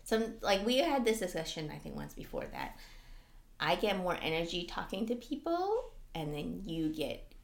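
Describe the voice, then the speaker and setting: A woman co-hosting a podcast in casual chat, talking in an animated way with lots of fillers. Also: fairly low pitch, moderate pace, vocal fry, roomy sound. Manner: chatty, animated, frequent "like" fillers. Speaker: podcast co-host.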